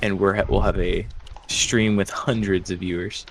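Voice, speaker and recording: A man's voice: sits low, fairly even intonation, moderate pace, slight background noise. A man chatting casually with friends over voice chat during a game, often trailing off and restarting. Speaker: gamer on voice chat.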